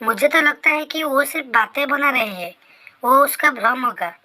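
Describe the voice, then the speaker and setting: A woman's voice: sits high, normal speed, pushed and bright. A woman voicing a reckless teenage boy in a Hindi horror story, who ends up pleading in fear. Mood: scoffing. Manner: pleading, apologetic.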